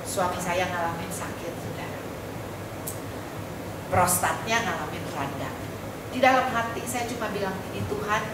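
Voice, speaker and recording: A woman's voice: fairly low pitch, background noise. A middle-aged woman pastor giving a testimony sermon, often calling out to the congregation and slipping in English phrases. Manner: personal testimony, often addressing listeners as saudara, mixing in English phrases. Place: church sanctuary. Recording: echoey church hall, voice from a distance.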